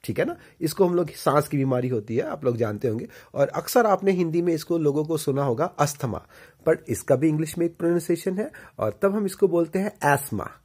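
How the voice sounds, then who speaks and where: A man's voice: fairly high pitch, expressive, fairly quick, few pauses, mellow, husky. A man teaching pronunciation, saying each word and then asking the listener to repeat it back. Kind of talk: spoken lesson.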